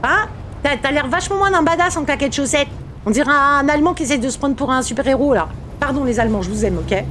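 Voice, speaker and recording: Excitable high-voiced woman streamer. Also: fast talker, a little hiss or hum. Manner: excitable, swears and laughs a lot; shouts at the game. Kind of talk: live gameplay commentary.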